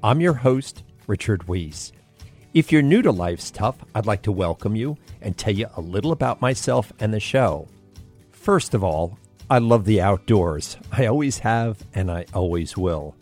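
Earnest low-voiced male podcast host. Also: animated, measured pace, darkish tone, soft background music. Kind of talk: scripted intro then interview questions.

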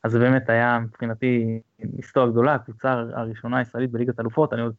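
A man co-hosting a podcast, telling a fan story in casual chat, excited and full of restarts. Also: mid-range voice, no echo. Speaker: podcast co-host. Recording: dull lo-fi sound.

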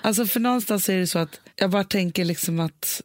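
A woman's voice: mid-range voice, no echo, clean studio sound. A mother in a casual conversation, reasoning things through aloud with lots of fillers and restarts. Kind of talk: casual chat.

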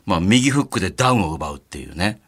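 Man, radio co-host, casual talk, lively storyteller, quick speech, lower voice. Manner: lively storytelling with many fillers.

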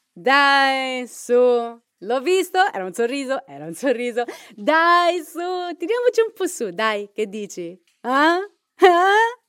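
A woman tells a scripted horror tale in a lowish voice, slowing for dread and tossing in sardonic jokes. A faint hiss sits under the recording. She also slips into playful host banter. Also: dark tone. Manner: dramatic, sardonic asides. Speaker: storyteller and host.

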